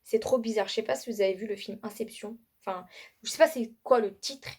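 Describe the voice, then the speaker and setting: A young woman vlogging her personal testimony in a loose, conversational way. She chains anecdotes together with slang and fillers, and her voice runs slightly high. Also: a little fast, slightly rough. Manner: animated, slangy storytelling with many fillers and restarts. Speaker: vlogger giving a faith testimony. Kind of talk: casual spoken testimony to camera.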